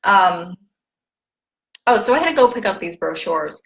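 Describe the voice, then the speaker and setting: A woman's voice: fairly low pitch, lively intonation, moderate pace, vocal fry, dull audio. A woman who works as a wellness coach tells a candid, rambling story on a live stream and breaks off to answer viewer comments. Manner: chatty, rambling, reads viewer comments aloud.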